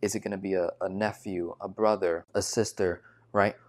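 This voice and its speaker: A man in his twenties, a financial coach, giving an animated direct-to-camera sales pitch on a lapel mic, often tagging lines with "right?". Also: normal speed. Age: 20s. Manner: animated, gesturing, many filler "right?" tags. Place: indoor studio with plain backdrop.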